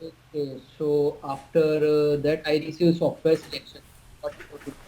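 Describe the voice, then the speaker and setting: A man, a student in an online class, asking a question in a halting, hesitant way while his video call audio keeps breaking up. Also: a little high, flat delivery, mellow, low-quality recording. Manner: halting, hesitant, many fillers.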